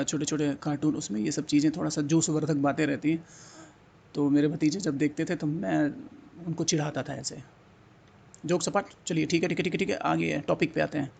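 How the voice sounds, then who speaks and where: A man with a fairly high, gravelly voice and a darkish tone teaches a Hindi exam-prep lesson. He is repetitive, repeating words and coaxing his students with questions to get them thinking and answering.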